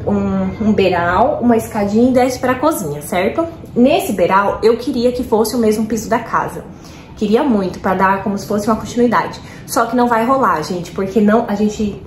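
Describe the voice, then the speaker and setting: Brazilian woman, home vlogger, eager and talkative, echoey room. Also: mid-range voice. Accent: Brazilian Portuguese. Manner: chatty and excited, many fillers, addresses viewers as "gente". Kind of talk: casual chat. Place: at home, roomy indoor space. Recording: echoey room, faint background noise.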